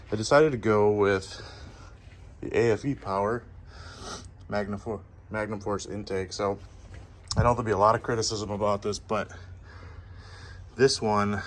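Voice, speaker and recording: A man with a low, easygoing voice talks through a car install as he works on it. He explains each step plainly and casually. Faint outdoor ambience sits behind him. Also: a little hiss or hum. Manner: relaxed, explains step by step while working. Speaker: car DIY vlogger. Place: outdoors by a car engine bay.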